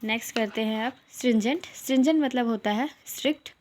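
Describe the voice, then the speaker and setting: Higher-voiced woman teaching vocabulary. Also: a little mellow, slight background noise. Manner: mixes English words into explanations, repeats "theek hai"; reads English example sentences slowly. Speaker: English teacher for exam aspirants. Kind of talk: online lesson, explaining vocabulary.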